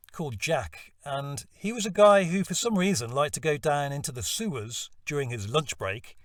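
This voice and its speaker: A man's voice: fairly high pitch, no room sound, studio quality, far from the mic. A man telling a personal story in a reflective, self-deprecating way. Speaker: voice-over hopeful vlogger.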